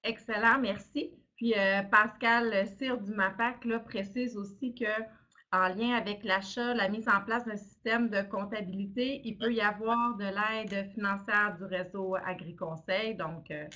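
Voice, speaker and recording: A woman's voice: medium pitch, fairly even intonation, measured pace, sharp tone. A woman moderating a webinar over a video call, politely relaying questions and introducing speakers, with some fillers.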